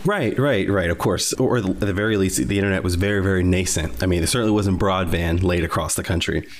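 A man's voice: low-pitched, fairly quick. A man hosting an interview, asking long, thoughtful, winding questions. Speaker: podcast host.

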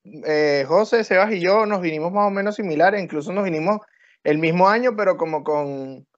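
A man's voice: sits high, moderate pace. A man with a Venezuelan accent co-hosting a podcast, rambling along casually in slangy talk. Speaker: podcast co-host. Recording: dull, muffled sound.

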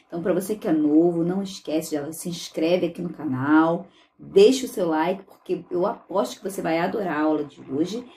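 A woman teaching how to sing English songs in Portuguese. She talks in a chatty way, often adds "tá bom?", and stretches the lyric words out slowly to model them. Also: fairly low pitch, mellow. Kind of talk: song pronunciation lesson.

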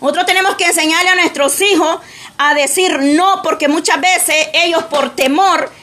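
A woman's voice: very high-pitched, moderate pace, pushed and bright. A woman preaching a sermon to other mothers, earnest and often repeating amen.

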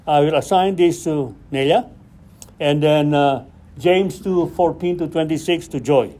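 A man's voice: on the high side, a little slow, mellow. A man leading a Bible study, preaching and acting out scripture dialogue with rising questions.

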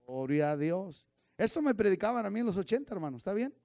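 A man, preaching a sermon as pastor, swinging from shouted preaching to low confiding asides. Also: very animated, quick pace, no echo.

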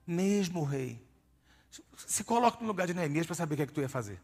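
High-voiced emphatic male preacher, echoing hall. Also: very animated, rapid-fire, a little mellow. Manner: emphatic, addresses listeners directly as "my dear". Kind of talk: sermon. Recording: reverberant hall with music behind.

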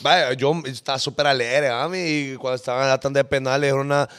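A man's voice: mid-range voice, fairly even intonation, brisk, a bit bright, smooth. A man co-hosting a podcast, chatting casually in slang and talking over the others. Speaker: podcast co-host. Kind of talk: casual chat.

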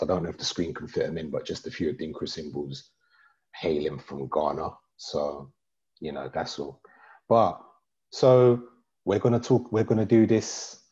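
Host: guy, very low voice, laid-back and jokey, on a dull lo-fi video call. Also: warm tone. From East London. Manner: joking, laid-back, rambling. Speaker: podcast host. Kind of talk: casual chat about astrology.

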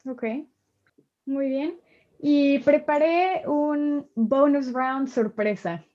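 A woman's voice: sits high, very slow, lo-fi sound. A woman interviewing a guest, asking short questions and prompting answers. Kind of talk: casual interview.

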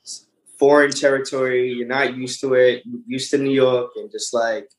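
A man's voice: medium pitch, flat delivery, normal speed. Young man, casual podcast talk, slangy, repeats himself, echoey room. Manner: loose and slangy, repeats words. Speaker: podcast co-host. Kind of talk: casual chat.

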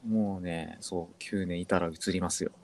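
A man with a slight Kansai influence in his speech, a writer chatting casually and thinking out loud. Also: low-pitched, steady tone, normal speed, vocal fry, slight background noise. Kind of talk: casual chat.

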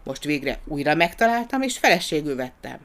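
A reader voicing a brooding, heartbroken politician. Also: male voice, on the high side, big pitch swings, fairly bright tone. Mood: sorrowful.

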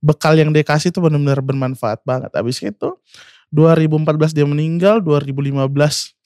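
A man in his twenties, a singer and guest, telling an emotional personal story in a halting way, full of fillers and speaking of himself by name. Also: a little high, a little mellow, no room sound, studio quality. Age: 20s.

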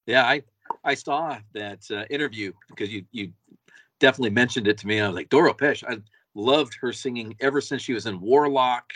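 An enthusiastic man chats on a podcast, jumping in to agree and build on what the others say. His voice has a middle pitch. The sound is dry and close, with no room echo. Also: brisk, fairly bright tone. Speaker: podcast co-host. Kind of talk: casual chat.

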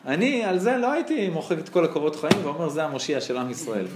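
A man's voice: fairly high pitch, expressive, background noise. A man, a rabbi, preaching a sermon and telling stories, his voice rising and dropping sharply. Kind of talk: sermon with storytelling. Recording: roomy echo.

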